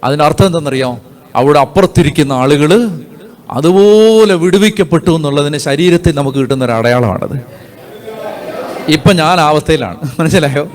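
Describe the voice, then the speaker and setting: A man's voice: a little high, brisk. A man preaching a sermon, emphatic and repetitive, asking his listeners rhetorical questions and reading scripture aloud.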